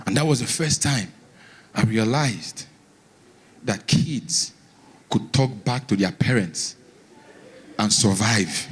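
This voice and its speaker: Animated Nigerian man doing stand-up. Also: fairly low pitch, husky. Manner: animated, acting out bits with dramatic pauses and repeats. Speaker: stand-up comedian. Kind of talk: stand-up comedy storytelling to an audience. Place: live comedy stage before an audience.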